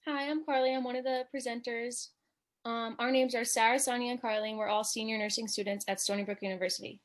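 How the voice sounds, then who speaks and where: Higher-voiced young woman introducing herself. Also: fairly even intonation, fast. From Long Island, New York, US. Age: 20s. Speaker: nursing student presenter. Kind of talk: brief self-introduction.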